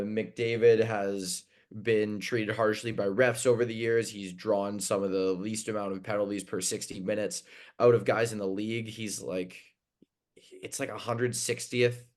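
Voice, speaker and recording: A young man co-hosting a casual sports podcast, animated and joking as he rambles through hockey news. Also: on the low side. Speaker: podcast co-host.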